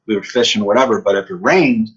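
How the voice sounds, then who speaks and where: Guy in his 50s from upstate new york telling stories on a podcast, fairly low voice but bright and husky, plays out the back-and-forth when he quotes people. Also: fast talker, lo-fi sound. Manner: lively storyteller who acts out quoted exchanges. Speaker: podcast guest, comic book artist. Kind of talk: casual storytelling chat.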